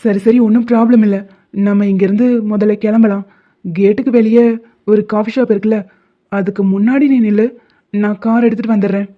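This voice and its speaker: A woman voicing a caring, protective young man in an animated story, with a gentle, teasing, coaxing delivery. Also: mid-range voice, a little fast, close to an everyday voice. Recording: tinny phone-like sound.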